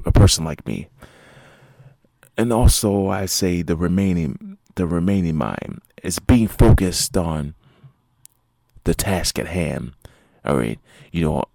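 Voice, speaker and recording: Gravelly, low and a little mellow, the man's voice is recorded with no room sound. He runs his own casual podcast as a martial arts instructor, sounding sleepy and yawning as he rambles with frequent fillers and restarts.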